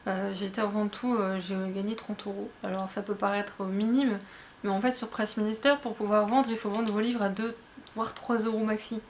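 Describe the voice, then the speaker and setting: A woman's voice: medium pitch, steady tone, moderate pace, slight background noise. A young woman chatting casually to camera while unboxing a book box at home, with lots of fillers and restarts. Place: at home, indoors.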